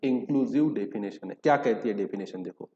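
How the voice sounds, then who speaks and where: A man's voice: fairly low pitch, fairly quick, dark tone. A man giving a recorded lecture, explaining terms by asking questions and answering them himself, reading English legal text between spoken Hindi. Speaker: teacher. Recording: dull echoey hall recording.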